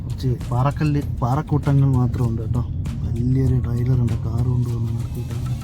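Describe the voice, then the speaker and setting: A man's voice: medium pitch, flat delivery, fast. A man with a Kerala Malayali accent chatting casually to viewers as a travel vlogger, mixing English words into his speech. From Kerala, India. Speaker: solo travel vlogger and driver. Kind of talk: casual vlog chat to viewers. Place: mostly inside a car on the road. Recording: loud music over in-car vlog audio.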